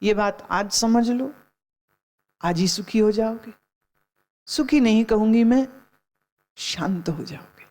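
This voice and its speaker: A woman's voice: a little high, slow pace, pauses often, dark tone. A middle-aged woman spiritual teacher giving a discourse, telling stories and admonishing listeners, slipping in English phrases. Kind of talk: Gita discourse.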